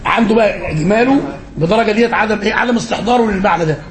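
Fast-talking Egyptian sheikh teaching. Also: male voice, sits high. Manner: quizzing listeners and filling in answers; repeats phrases for emphasis. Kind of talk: Islamic lesson.

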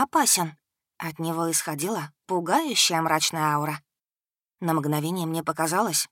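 A woman's voice: on the low side, no room sound. Woman reading an audiobook, close and dry. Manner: expressive, steady storytelling. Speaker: audiobook narrator. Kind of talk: first-person audiobook narration.

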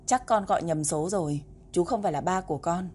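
A woman voicing a reserved, taciturn man who speaks in a measured way on a phone call in a storybook reading. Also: lowish voice, warm tone, slight background noise, lightly acted. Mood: puzzled. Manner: measured, terse.

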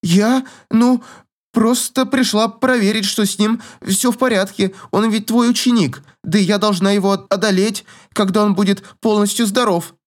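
A man's voice: sits high, steady tone, normal speed, pitched above the performer's own voice, close to an everyday voice. A man voicing a proud, indignant young noblewoman in an audiobook, with huffing, squealing protests. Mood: defensive. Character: haughty proud young noblewoman, quick to huff.

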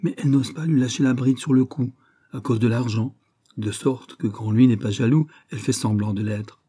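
A man reading an audiobook, voicing a chatty, gossipy wealthy society hostess with a confiding, emphatic manner and a husky voice. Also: mid-range voice, fairly even intonation, normal speed, warm tone, natural voice.

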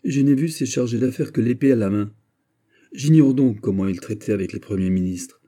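Un homme qui lit et joue un noble comte fier, répondant sèchement et avec calme. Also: male voice, mid-range voice, a little fast, lightly acted. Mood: sec. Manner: sec, impassible, réponses mesurées. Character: noble comte mousquetaire, fier, froid, digne.

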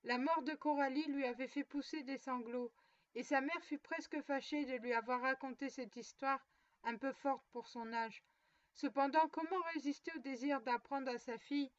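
Narrator: a high-voiced woman reading a children's story, measured and expressive, on a dull, muffled recording. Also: no echo.

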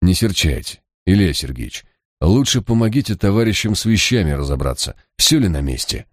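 This is a bossy, sardonic police chief in an audiobook, voiced by a male reader. He talks in curt, mocking bursts of slang, his low voice pushed a little higher. The recording is close and dry. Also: sing-song, fairly quick, dry recording. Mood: soft, coaxing. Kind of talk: audiobook character reading.

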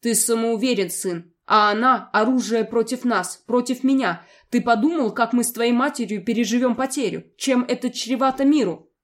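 A woman's voice: a little high, normal speed, close to an everyday voice. A woman reading as a commanding old male emperor, curt and authoritative. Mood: stern.

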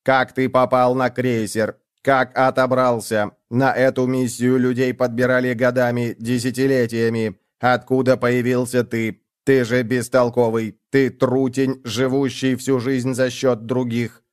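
A man's voice: mid-range voice, little pitch movement, unhurried, few pauses, clear, resonant tone, no room sound, studio quality, close to an everyday voice. A man voicing a sneering male ship computer that needles and mocks a young man in a cold, sarcastic way. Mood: scornful.

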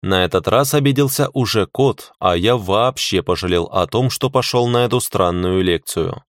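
A man's voice: on the low side, moderate pace, no echo, clean studio sound. A man narrating an audiobook in the first person, wry and matter-of-fact.

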